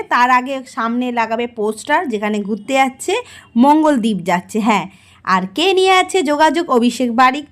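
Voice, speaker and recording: A middle-aged woman, narrating a casual vlog in a relaxed, musing way. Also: high voice. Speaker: vlogger.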